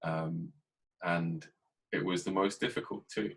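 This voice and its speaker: An English man hosting a podcast, talking in a casual, reflective way and keeping a dry, even tone even when he jokes. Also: low-pitched, unhurried, breathy edge, low-quality recording. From England. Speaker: podcast host. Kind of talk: casual conversation.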